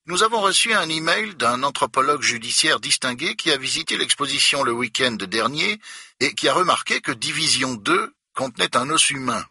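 A man's voice: mid-range voice, expressive, normal speed, sharp tone, husky, no echo, studio quality, pitched above the performer's own voice, exaggerated voice. A man voicing a curt, irritated male museum director on the phone, speaking in a clipped, pinched way. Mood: indignant.

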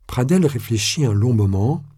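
Dark husky male audiobook narrator. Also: mid-range voice, animated, moderate pace, dry recording, clean studio sound. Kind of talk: audiobook reading.

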